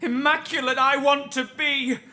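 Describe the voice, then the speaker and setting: Shrill, forceful cult devotee. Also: male voice, flat delivery, moderate pace, exaggerated voice. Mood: frenzied zeal. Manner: fervent, forceful declaiming. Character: zealous cult devotee chanting for blood. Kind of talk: theatrical video game acting.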